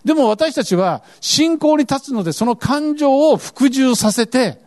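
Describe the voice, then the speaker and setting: Male pastor, sermon, high and lively delivery, earnest questioning tone. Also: measured pace. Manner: earnest, asks the congregation questions.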